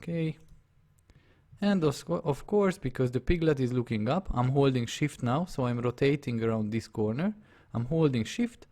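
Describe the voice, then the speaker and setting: A native Hungarian speaker with a Hungarian accent leads a live drawing tutorial step by step, narrating his on-screen moves and often checking that the viewer is following. His mid-range voice is expressive and mellow, at a normal speed.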